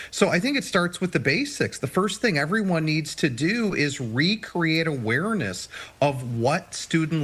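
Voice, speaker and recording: A man's voice: fairly high pitch, a bit bright. A man giving emphatic, upbeat financial advice as a guest in a TV news interview. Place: TV studio or remote video link.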